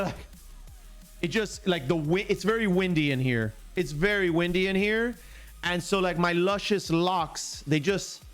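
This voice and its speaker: A man's voice: high voice, fairly bright tone. A man hosting a casual live sports stream, chatting and joking with viewers and reading chat aloud. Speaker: livestream sports show host.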